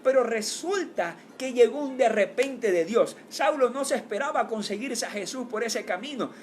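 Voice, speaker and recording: A woman pastor preaching a sermon in church, reading scripture with dramatic emphasis, slowing and rising in force on key phrases, and correcting her own slips aloud. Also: fairly high pitch, animated, a little hiss or hum. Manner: slows down and swells louder when quoting scripture. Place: church, streamed to online viewers.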